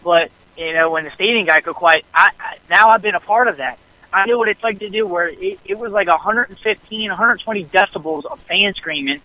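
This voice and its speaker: A man excitedly telling a rambling story about a football game, co-hosting a casual sports chat. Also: sits high, a little fast, no echo, highs cut off. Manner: animated storyteller, rambling with restarts. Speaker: podcast co-host.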